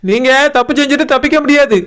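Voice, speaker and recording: A woman's voice: sits high, fast, fairly bright tone. A woman voicing an earnest, pleading village neighbor in a cartoon, with a Kanyakumari Tamil accent. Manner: earnest, pleading, repeats "owner".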